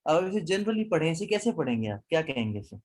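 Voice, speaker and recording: A man's voice: on the high side, big pitch swings, a little mellow. A man lecturing a class, quizzing students and mixing in English words. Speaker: Arabic teacher.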